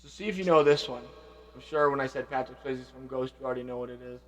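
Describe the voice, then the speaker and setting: A man hosting a vlog, reminiscing casually and reflectively, often trailing off quietly. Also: mid-range voice, quick pace, in a large hall. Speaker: vlog host paying tribute to his father. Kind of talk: casual spoken reminiscing between songs.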